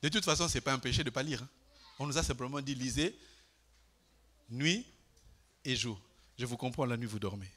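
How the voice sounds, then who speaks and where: An older man preaching a Bible study to a congregation, putting questions to them and swinging between loud declarations and quiet asides. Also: mid-range voice, a little fast, long pauses, slightly rough. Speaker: pastor. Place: church.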